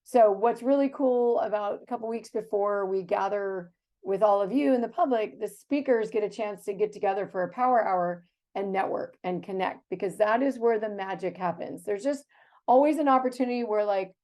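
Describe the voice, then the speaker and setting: A woman's voice: medium pitch, moderate pace, darkish tone. A woman in her fifties from the United States, hosting a casual video chat in a chatty, enthusiastic way. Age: 50s. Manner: chatty and enthusiastic, with fillers and laughs. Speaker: host.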